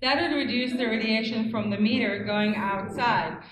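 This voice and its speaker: A woman's voice: a little high, normal speed, noisy background. A woman answering audience questions at a public meeting, giving direct, firm advice. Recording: echoey hall with crowd.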